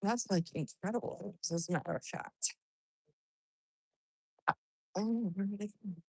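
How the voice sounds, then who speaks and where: A woman's voice: mid-range voice, measured pace, husky, no echo, rough recording. A woman chatting casually to livestream viewers while out walking for exercise, rambling and thinking aloud. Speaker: livestreamer greeting and answering viewers. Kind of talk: casual livestream chat to followers. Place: outdoors on a walk in hot weather.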